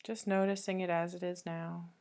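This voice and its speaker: Low-voiced and steady, this yoga nidra teacher leads a guided meditation with almost no melodic variation. She offers soft, calming directions and lets long pauses fall between phrases.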